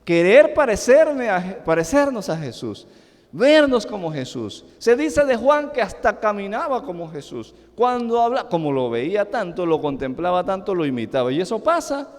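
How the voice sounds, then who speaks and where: Middle-aged Venezuelan preacher, high lively voice, emphatic sermon, long church reverb. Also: male voice, moderate pace. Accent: Venezuelan Spanish. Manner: emphatic, rising and falling sharply, with rhetorical questions. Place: church sanctuary. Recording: echoing church hall.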